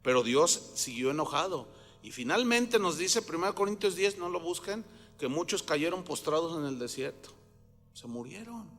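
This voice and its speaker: High, bright-voiced preacher in a hall. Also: male voice, very animated, moderate pace, faint music behind. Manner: emphatic preaching, asks the congregation questions. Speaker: pastor. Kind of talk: sermon.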